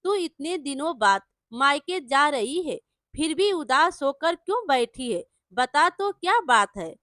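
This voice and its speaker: A woman voicing a caring elder brother in a storybook tale, gently coaxing his sister to talk. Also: sits high, big pitch swings, a little slow, dry recording, studio quality, heavily acted. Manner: coaxing, concerned.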